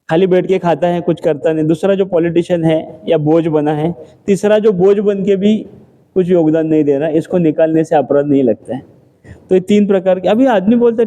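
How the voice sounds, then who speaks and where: A man's voice: high-pitched, dark tone. A man giving a scripture class in a temple, talking conversationally and answering his own rhetorical questions. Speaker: temple lecturer.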